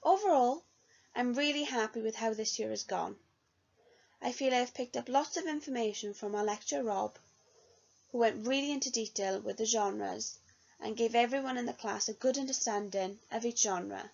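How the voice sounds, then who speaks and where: A young woman studying music reads aloud an earnest reflection on her year of singing lessons, reviewing herself. Her voice sits a little high, with a creaky, darkish tone at normal speed. The recording is dull and lo-fi.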